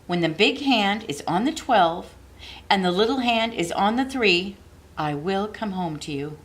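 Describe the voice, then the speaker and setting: A woman's voice: mid-range voice, lively intonation, unhurried, close to an everyday voice. A woman voicing an earnest, doting ten-year-old girl in a storybook, speaking with prim, careful politeness. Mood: tender, instructing.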